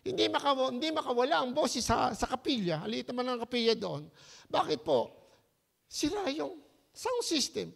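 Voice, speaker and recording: High-pitched, gravelly Filipino pastor preaching. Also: male voice, fairly quick, fairly bright tone, long reverb tail. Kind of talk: sermon.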